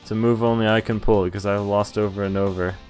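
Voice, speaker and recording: A woman with a bass voice talks fast and keeps her intonation fairly even as she reads from a visual novel expressively. Her own casual, profane remarks pop up between lines, and the game's background music runs underneath.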